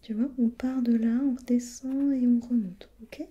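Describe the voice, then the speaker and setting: A woman playing a gentle, patient preschool teacher in a soft, breathy ASMR role-play, encouraging and repeating softly. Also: a little high, fairly even intonation, normal speed, a little hiss or hum, natural voice.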